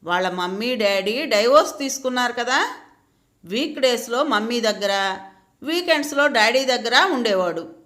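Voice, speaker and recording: A small boy's high voice, childlike and pleading, rising and dipping as he talks. A woman puts it on for a storybook. The tone is bright and clear. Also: lively intonation, normal speed. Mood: tearful. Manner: childlike, pleading, sobbing speech. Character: little boy, grandson, upset and tearful.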